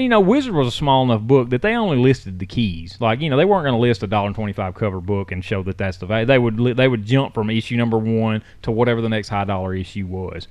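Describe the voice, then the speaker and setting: A man co-hosting a casual chat show, telling rambling, animated stories about old comic books. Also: medium pitch, no echo. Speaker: podcast co-host.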